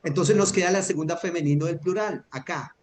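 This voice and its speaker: A man with a fairly high voice teaches an online Hebrew grammar lesson at a brisk pace. He is patient and methodical, often checking that his student follows. The room is echoey with faint noise.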